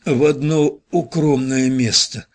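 A man voicing a dying, overweight man who wheezes and pleads in a hoarse, husky voice while coughing up blood. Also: medium pitch, steady tone, slow, voice pushed up. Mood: pleading.

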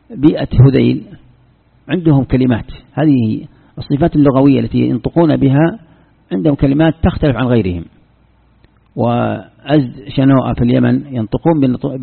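A man's voice: mid-range voice, vocal fry, breathy edge. A man teaching Quran exegesis as an Islamic scholar, explaining patiently, repeating words for emphasis and giving many examples. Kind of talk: explanatory religious lecture. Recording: tinny lo-fi phone-like recording.

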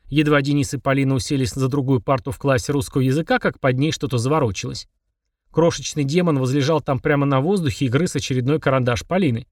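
A man narrating a children's audiobook in a lively, playful manner. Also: medium pitch, dry recording, studio quality.

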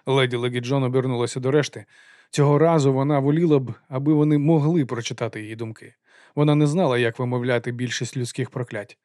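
A man narrating an audiobook in a calm, even reading voice. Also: mid-range voice, quick pace, no echo, clean studio sound.

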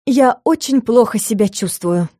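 A young office worker answers in short, cold, clipped phrases, as a woman narrating an audiobook gives her the lines. The voice is dark and mellow, recorded close and dry. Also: a little high, expressive, fairly quick, dry recording. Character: irritated young female office employee.

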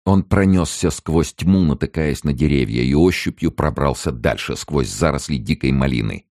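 A man reading a novel aloud as an audiobook narrator, in a steady, measured storytelling manner. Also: a bass voice, no echo, clean studio sound. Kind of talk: scripted narration.

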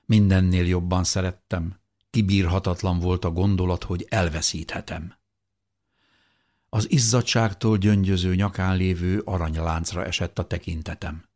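A man narrating an audiobook in a calm, measured storytelling manner. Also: sits low. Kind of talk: scripted narration.

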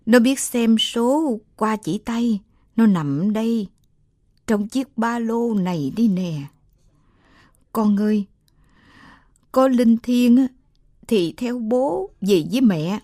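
A woman voicing an old father mourning his fallen son, speaking in a slow, murmuring voice. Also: a little high, dark tone, no echo, clean studio sound. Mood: grieving. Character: grieving old father carrying son's remains.

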